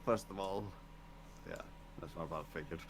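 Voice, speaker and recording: A man's voice: sits low, moderate pace, a little hiss or hum. A man playing in a tabletop game, talking in a dry, understated way. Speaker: player. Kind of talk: casual game table chat.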